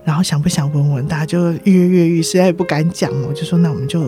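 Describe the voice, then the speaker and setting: A middle-aged woman with a Taiwanese Mandarin accent, a nursing director guesting on a podcast, telling lively stories, acting out dialogue and laughing often. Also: sits low, quick pace, music in the background. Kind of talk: podcast interview.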